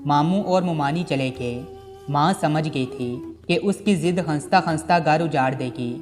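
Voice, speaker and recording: A male storyteller with a somewhat high voice reads a moral tale in a solemn, moralizing manner. His narration rings in a long reverb, with music playing underneath. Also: measured pace.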